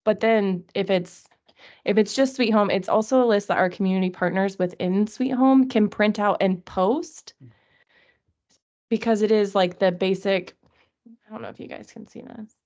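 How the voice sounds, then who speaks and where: At a city committee meeting, a woman with a medium-pitched, slightly dark voice chats casually at a normal pace while presenting a resource list, poking fun at herself along the way. The recording is dull and lo-fi, typical of a meeting.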